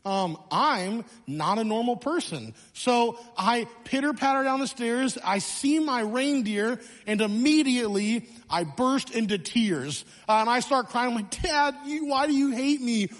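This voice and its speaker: A man from Illinois with a high voice speaks to a church congregation. He tells stories in an animated way with self-mocking humor. His voice rings with the long reverb of a church hall. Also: unhurried, hardly any pauses. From Illinois, USA. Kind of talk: sermon announcements and storytelling. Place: church sanctuary.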